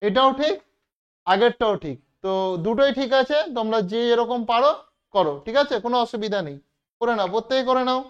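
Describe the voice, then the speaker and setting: A woman teacher giving a classroom lesson to children, spelling out words slowly letter by letter and checking that everyone understands. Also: on the high side, clear, resonant tone. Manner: slow, step-by-step spelling out of letters. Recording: dull lo-fi recording.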